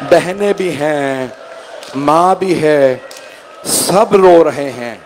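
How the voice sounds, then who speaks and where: A man's voice: fairly high pitch, a little mellow, slight background noise. A man delivering a mournful sermon recitation, emotional and grieving, speaking directly to his listeners.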